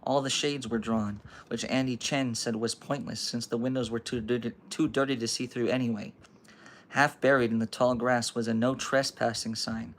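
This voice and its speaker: Brief: male streamer, laid-back read-aloud with asides, some vocal fry. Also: medium pitch, steady tone, moderate pace, a little hiss or hum. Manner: casual, chatty asides, loose recap with fillers. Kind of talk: reading a novel aloud to a live chat.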